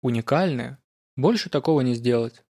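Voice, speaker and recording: Narrator voicing a calm, gently teasing scholar friend; unhurried, near his own voice. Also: mid-range voice. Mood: warm. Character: calm, teasing older male scholar comrade.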